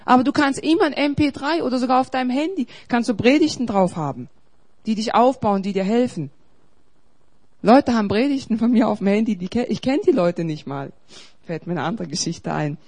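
A woman's voice: on the high side, expressive, fairly quick. Emphatic preaching woman. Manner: emphatic, swings between loud urging and quiet storytelling. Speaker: pastor. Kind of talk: sermon.

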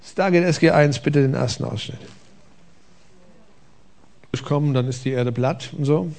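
A man preaching a conversational sermon from a church stage, with rhetorical questions and a lively, engaging delivery. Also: a little high, measured pace, gravelly. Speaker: pastor.

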